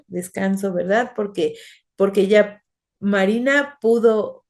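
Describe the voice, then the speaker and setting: A woman's voice: mid-range voice, darkish tone. A woman teaching an online Bible lesson to children, telling stories and often asking them "right?". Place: online class.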